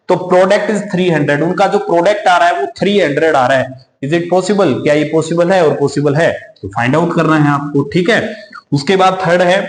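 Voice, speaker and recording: A man runs a maths class, walking through each step and calling the students "beta". His voice sits a little high, and the room gives it a roomy echo. He slows down when he reads English problem text aloud. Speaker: maths teacher. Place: coaching classroom. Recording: echoey room.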